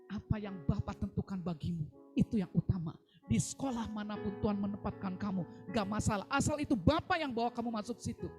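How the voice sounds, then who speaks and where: A woman's voice: medium pitch, quick pace, music in the background. A woman pastor preaching a sermon over a live video call, telling a story and quoting people in changing voices.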